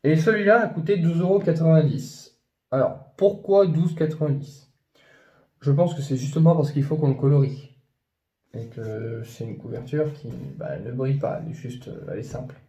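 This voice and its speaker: A man chatting casually about his new purchases, rambling with many fillers and restarts, and gushing when excited. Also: on the high side, normal speed, roomy sound, lo-fi sound. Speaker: YouTuber showing his purchases. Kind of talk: casual unboxing chat.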